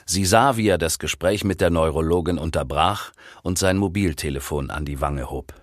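A man reading an audiobook in a measured, calm narrating style. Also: sits low, dry recording, clean studio sound.

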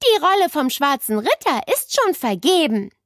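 A woman's voice: high voice, very animated, moderate pace, fairly bright tone, no room sound, clean studio sound, voice pushed up. A woman voicing a spirited young schoolgirl in a children's story, calling out indignantly.

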